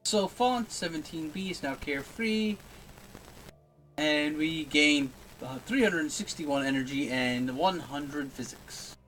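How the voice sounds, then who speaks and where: A man's voice: a little high, slow pace, a bit bright, faint music behind, poor audio. A man giving casual video game commentary and reading game text aloud as he plays. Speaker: gaming streamer.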